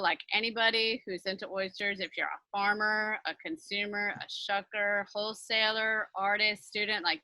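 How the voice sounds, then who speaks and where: A woman's voice: medium pitch, pushed and bright, no echo, low-quality recording. A woman talking as a guest on a video call from her front porch office, chatty and upbeat with lots of fillers. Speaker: guest, nonprofit leader. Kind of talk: casual interview chat.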